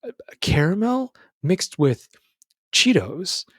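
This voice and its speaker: A man's voice: high voice, big pitch swings, fairly bright tone, no room sound, clean studio sound, heavily acted. A man voicing a mock-serious male TV news anchor who stumbles and stalls through his report. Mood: mock-solemn. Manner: stumbling, halting newsreader delivery.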